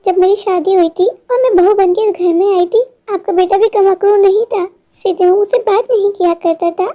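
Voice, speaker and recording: A woman's voice: very high-pitched, steady tone, moderate pace, dark tone, dull audio. A woman voicing an indignant young daughter-in-law in a cartoon story, complaining about her in-laws.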